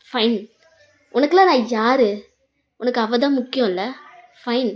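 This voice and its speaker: Casting: woman voicing a sarcastic, hurt young woman, bitter edge, fairly high mellow voice. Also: measured pace, lightly acted. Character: hurt, angry young woman, sharp-tongued girlfriend. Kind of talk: fan fiction voice-over.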